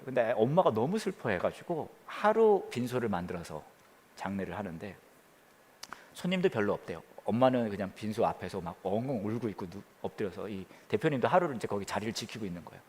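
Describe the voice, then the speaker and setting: A man preaching as a pastor, telling a story with quoted voices and dropping to a hush near the prayer. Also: medium pitch, expressive, quick pace, big-room sound. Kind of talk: sermon. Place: church during the pandemic.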